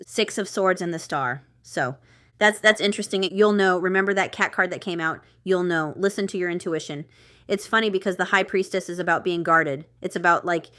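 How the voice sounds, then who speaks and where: In clean studio audio without echo, a channel host gives a casual, intuitive tarot reading addressed right to the viewer, chatting, thinking aloud and drifting into rambling asides. Her mid-range voice is pushed and bright, clear and resonant.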